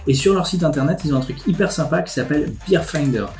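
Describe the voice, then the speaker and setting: A man with a fairly high, darkish voice speaks at a quick pace. He's a vlog host and animator talking informally to the camera to explain things, recorded indoors in a living room with a desk over background guitar music.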